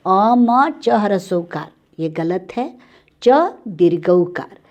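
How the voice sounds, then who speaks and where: A woman teacher giving a spelling lesson to young children, spelling words out letter by letter and explaining them gently. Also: fairly low pitch, animated, slow. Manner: gently addresses the children, with simple questions and explanations. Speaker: primary school teacher.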